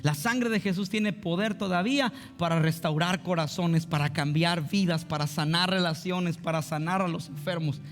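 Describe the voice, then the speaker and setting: A man's voice: on the high side, moderate pace, few pauses. A man preaching a fervent, emotive sermon as pastor at a church service. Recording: reverberant hall with soft guitar.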